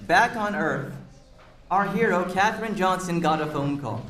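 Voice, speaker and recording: With lively intonation and a slightly slow pace, a man whose voice is high-pitched and fairly bright reads a picture book to children. In this roomy, echoey indoor space, he encourages them and uses asides to explain words and ask questions.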